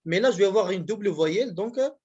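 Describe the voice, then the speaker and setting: A teacher walks students through grammar step by step, at a middling pitch. The delivery is patient and repetitive, with frequent check-ins to make sure everyone is following. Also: expressive, fast, a little mellow, breathy edge, muffled recording. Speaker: university language teacher. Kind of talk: classroom grammar lesson.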